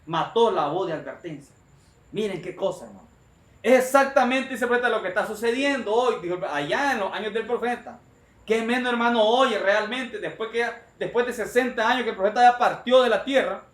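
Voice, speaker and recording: A man's voice: sits high, a little fast, fairly bright tone. A male preacher delivering a sermon in an emphatic, repetitive manner, often calling his listeners brother. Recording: echoey room.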